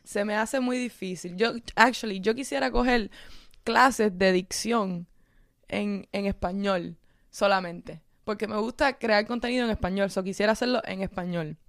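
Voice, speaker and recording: In a dry, clean studio recording, a young Cuban woman who lives in Miami chats casually in Spanish at a moderate pace and a mid-range voice. She's a content creator, and her Miami Cuban accent comes with English words dropped into her sentences.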